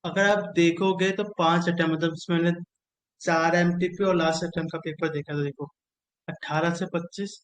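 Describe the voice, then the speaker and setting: A man's voice: on the high side, fairly even intonation, moderate pace, low-quality recording. A man teaching an exam-strategy lesson, repeating key phrases again and again in a coaxing way. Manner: repetitive, drilling phrases over and over, coaxing.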